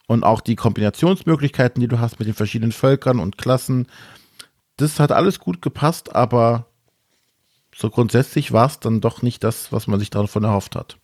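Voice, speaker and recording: A man co-hosting a board game podcast, giving a hesitant, measured critique in casual chat. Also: medium pitch, darkish tone, no room sound, studio quality.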